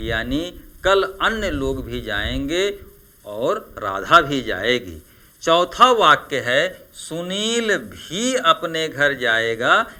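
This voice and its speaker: A man teaching a Hindi grammar lesson, slowly listing example words one by one. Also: on the high side, pushed and bright. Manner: slow, deliberate listing of word examples. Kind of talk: exam-prep grammar lesson.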